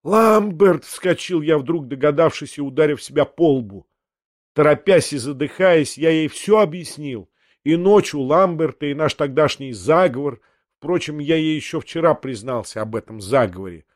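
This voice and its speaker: Male audiobook narrator, measured and expressive, slightly high voice, dry studio sound. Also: no room sound.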